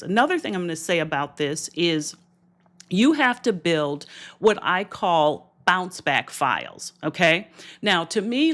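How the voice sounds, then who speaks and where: A woman's voice: lowish voice, a bit bright. A woman business coach talking directly to viewers on a livestream, encouraging and direct, with asides to her audience. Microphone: streaming camera setup.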